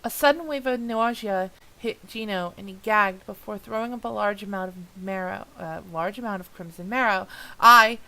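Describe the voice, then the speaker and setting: This is a blooper reel: a woman with a sharp, medium-pitched voice reads a fan story aloud for an audio drama and keeps tripping over the text. She curses and laughs at her mistakes in an exasperated, self-deprecating way.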